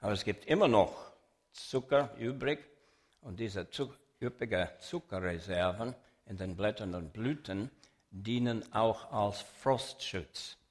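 This man talks slowly in a fairly low voice, delivering a public lecture with a sermon message. He gives an illustrated religious talk, explaining things deliberately and addressing his listeners directly.

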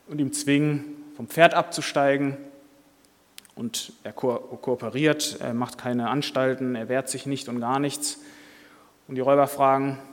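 A male preacher delivers an earnest, storytelling sermon at a middling pitch. His voice carries a long reverb from a large church hall. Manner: narrative, earnest.

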